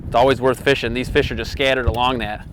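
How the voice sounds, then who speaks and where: A man narrates his fishing out on a boat on a lake, talking casually in a middle-pitched voice. He gets keyed up whenever a fish comes in. Faint wind noise hangs behind him. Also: fast talker. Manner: chatty, excited when landing fish. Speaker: fishing show host. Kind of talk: casual on-the-water fishing commentary.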